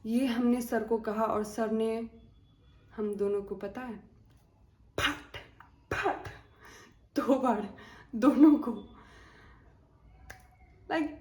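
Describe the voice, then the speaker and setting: A woman's voice: fairly high pitch, drawn-out words, pauses often, darkish tone. Chatty young woman telling a spooky story. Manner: chatty, dramatic, acts out quoted dialogue. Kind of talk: casual horror storytime. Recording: echoey room with faint ambience.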